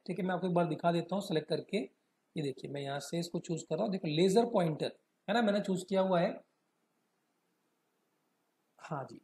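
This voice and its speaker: Man, teacher, slow reading then explaining, constant check-ins, roomy echo. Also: sits high, a little mellow. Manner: reads English lines slowly, then explains them with frequent check-ins. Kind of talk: screen-share lesson explaining a text. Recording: echoey room.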